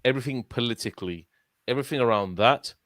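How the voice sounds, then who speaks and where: This London-accented young man, a football podcast co-host, talks quickly at a medium pitch with a slightly bright tone. He rambles earnestly, restarts, and repeatedly ends points with "yeah?" The sound is dry and studio-clean.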